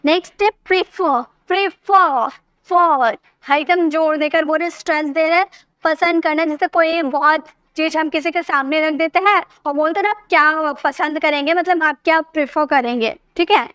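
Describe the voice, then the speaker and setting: A woman with a high, bright voice gives an English grammar lesson. She goes slowly and patiently, repeats herself and keeps checking that her students understand. The sound is dry and close, with no room echo. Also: fairly even intonation. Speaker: English teacher.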